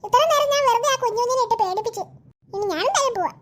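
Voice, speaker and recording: A woman's voice: very high voice, expressive, rapid-fire. A woman with a Malayali accent voicing a lonely cartoon ghost who broods in a wistful monologue. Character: lonely, softening ghost who scared a baby. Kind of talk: cartoon voice acting.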